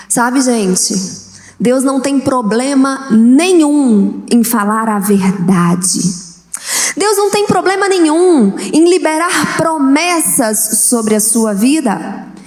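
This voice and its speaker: A woman bishop with a Brazilian accent preaching an animated sermon in a church, acting out the voices she quotes. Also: sits high, slow pace. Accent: Brazilian Portuguese. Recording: echoey church hall.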